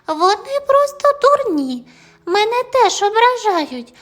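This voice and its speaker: A woman's voice: extremely high pitch, very animated, slow pace, voice pushed up, exaggerated voice. A woman voicing the kindest little girl in a kindergarten group, sweet and soothing, in an audio fairy tale.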